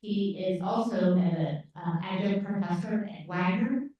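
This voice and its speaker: The moderator, a woman who grew up on a dairy farm, takes her time introducing panelists at a live event, her medium-pitched voice hesitant and laced with fillers and restarts. The recording is dull and distant, echoing around a large lecture room.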